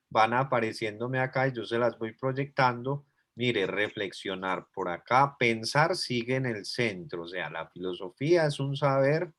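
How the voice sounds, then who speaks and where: A man's voice: mid-range voice, fairly bright tone. A man teaching an online class, explaining patiently and thinking aloud as he goes.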